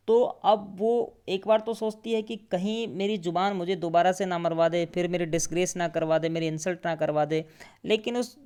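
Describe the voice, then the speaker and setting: Teacher slowly explaining a lesson. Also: male voice, a little high, darkish tone. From India. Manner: reads English lines very slowly, then explains in quick Hindi. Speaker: English teacher. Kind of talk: line-by-line textbook explanation.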